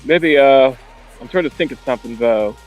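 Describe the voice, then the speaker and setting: A man from the southwestern United States with a slight lisp, bantering as a caller on a voice call and firing back quick comebacks. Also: mid-range voice, soft background music. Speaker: guest caller.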